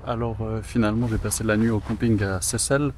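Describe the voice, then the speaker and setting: A man with a lowish voice talks a little fast over a slight hiss or hum. He's narrating a casual vlog of his solo kayak trip to the camera outdoors by a river, relaxed and chatty, full of fillers, thinking aloud, and swearing now and then.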